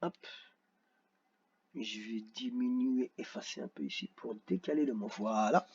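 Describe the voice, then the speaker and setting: A male teacher works through a children's worksheet in a slow, lively voice that rises and falls a great deal. He sounds out each syllable with patience. The audio is dull and lo-fi. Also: mid-range voice, slightly rough.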